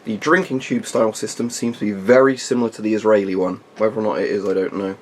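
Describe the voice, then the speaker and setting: Low-voiced man giving a casual gear review. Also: steady tone, fast talker, a little mellow. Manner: informal, rambling explanations with asides. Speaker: military surplus gear reviewer. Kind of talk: casual unscripted product review. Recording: faint background noise.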